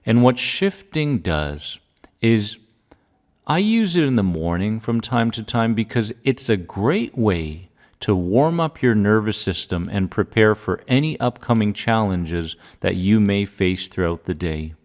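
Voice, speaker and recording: Calm guy doing a grounding exercise podcast, talks really slow n kinda low, deliberate, pauses a lot. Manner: calm, deliberate, with pauses and repeated phrases for emphasis. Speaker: podcast host and anxiety coach. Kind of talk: calm guided grounding exercise and self-help talk.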